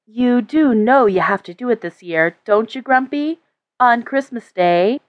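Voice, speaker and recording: A woman voicing a cheeky young woman of twenty, high and breathy, teasing and cheerful, in an audiobook. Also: expressive, a little slow, no room sound, highs cut off.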